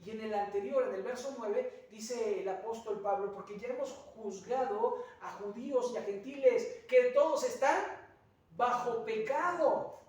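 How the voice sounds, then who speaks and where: High-voiced Mexican pastor in echoey church. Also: male voice, a little slow, a little mellow, recorded from a distance. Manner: earnest preaching with rhetorical asides and filler hesitations. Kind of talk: sermon. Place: church sanctuary.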